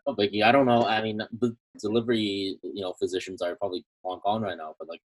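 A man hosting a casual podcast interview, reading his intro slowly, then chatting with fillers and soft trailing endings. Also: lowish voice, fairly even intonation. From Canada. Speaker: podcast host.

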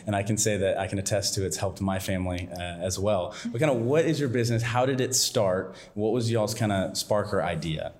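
A man's voice: on the low side, brisk, hardly any pauses, a little mellow. A young man hosting a podcast from a studio, upbeat and playful, often laughing. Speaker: podcast host. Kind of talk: casual podcast chat.

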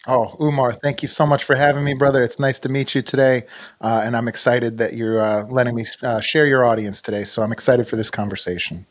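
A man's voice: mid-range voice, fairly even intonation, brisk. Thoughtful man with a mid-range voice. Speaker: podcast guest, entrepreneur. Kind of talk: reflective conversational interview.

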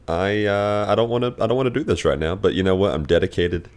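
A man hosting a casual sports podcast, reading news items and chatting with dry teasing, recorded as a low quality stream away from his usual studio. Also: steady tone, quick pace, a little mellow. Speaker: podcast host. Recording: low quality stream, improvised holiday setup.

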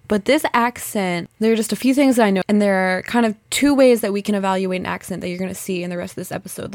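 A woman's voice: fairly low pitch, dry recording. A young woman hosting a podcast, chatty and enthusiastic as she explains. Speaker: podcast host.

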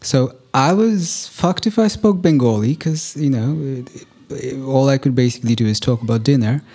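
Candid man a mellow, dark voice. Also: medium pitch, moderate pace, breathy edge. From India. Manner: candid and profane, self-deprecating, many fillers. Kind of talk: casual conversation.

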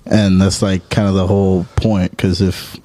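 A man's voice: low voice, flat delivery, normal speed, warm tone, dry recording. A man co-hosting a casual podcast, rambling and filling with "like". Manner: rambling, filler-heavy "like". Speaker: podcast co-host.

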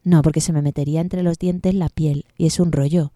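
A woman's voice: low voice, steady tone, brisk, warm tone, no room sound, clean studio sound, voice pushed down, natural voice. A woman storyteller voicing a bored, snooty teenage girl who talks in a sullen, dismissive, slangy way. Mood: scornful.

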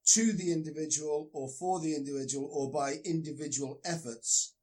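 A man's voice: on the high side, normal speed, darkish tone. A man on a call, discussing a book in a casual chat and breaking into emphatic, swearing rants. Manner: ranting, emphatic, swears freely. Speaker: discussion partner.

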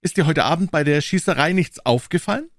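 A man's voice: a little high, animated, a little fast, no room sound, studio quality, voice pushed up. Man voicing an eager curious companion, slightly raised voice, questioning, audiobook figure.

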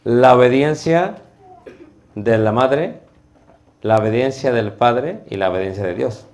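A man with a Mexican accent coaching church speakers informally, brisk and teasing, giving short commands. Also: mid-range voice, a little mellow. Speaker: public speaking teacher for church preachers.

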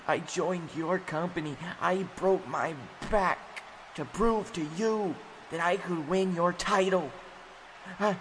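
Actor as a bitter young wrestler, slow sneering rant, faint noise under it. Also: male voice, a little high, rough recording. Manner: ranting, shouting and sneering. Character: bitter young male wrestler, furious at his father.

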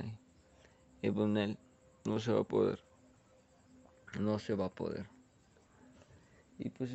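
A man's voice: on the low side, vocal fry, darkish tone, highs cut off. A young man with a Mexican accent, rambling laid-back and full of slang in a casual chat from his bedroom. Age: young adult. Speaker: vlogger.

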